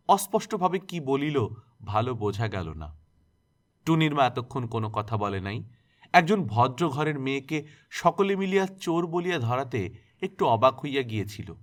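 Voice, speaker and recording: A man reading a classic novel aloud as an expressive storyteller. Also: mid-range voice. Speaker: story narrator.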